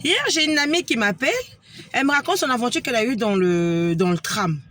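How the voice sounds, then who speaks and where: A woman's voice: on the high side, fairly quick, a bit bright. A woman telling a story in an indignant rant, often stumbling over repeated words. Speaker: vlogger.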